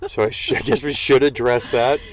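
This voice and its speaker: A man's voice: medium pitch, fairly even intonation, a little fast, no echo. A young man co-hosting a podcast in casual, joking chat, swearing freely. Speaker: podcast co-host.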